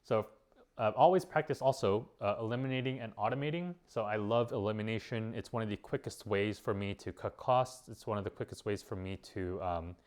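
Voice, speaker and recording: A man's voice: lowish voice, brisk, a little mellow. A man giving casual vlog advice as a business owner, rambling with many fillers and restarts.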